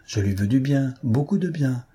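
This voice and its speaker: A man's voice: medium pitch, animated, normal speed, dark tone, breathy edge. A man reading aloud and voicing a sly, wheedling older man who speaks in honeyed tones.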